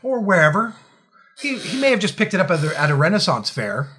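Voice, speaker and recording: Lively, bright-voiced joking man. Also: high-pitched, brisk. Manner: joking, trails off with fillers. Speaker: podcast co-host. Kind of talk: casual movie commentary.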